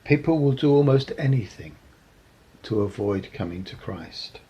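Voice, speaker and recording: A man giving a reflective sermon talk, measured and earnest, often pausing with ums. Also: lowish voice, animated, mellow, slightly rough, highs cut off. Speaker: preacher.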